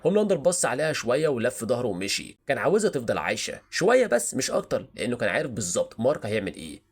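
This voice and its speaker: A man tells a dramatic story in Egyptian Arabic at a very rapid pace. His voice is husky, and his pitch rises and falls in a lively way. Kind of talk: scripted fan-fiction narration.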